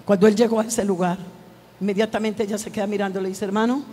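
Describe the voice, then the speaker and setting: A woman preacher giving a fervent church sermon, shouting calls out to the congregation. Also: mid-range voice, level tone, fast talker, slight background noise. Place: church sanctuary. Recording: long hall reverb in a church.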